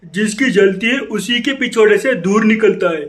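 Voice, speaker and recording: A man's voice: high-pitched, moderate pace, a bit bright. A man playing a young best friend who answers with short, teasing replies in a comedy sketch. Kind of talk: Hindi comedy sketch dialogue.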